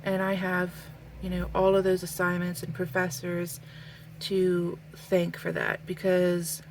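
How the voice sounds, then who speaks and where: Sniffling with a stuffy nose, a young adult woman talks casually while drawing in a vlog, going slowly and thoughtfully with many fillers. Her voice is on the low side with vocal fry, and a little hiss or hum sits under the audio.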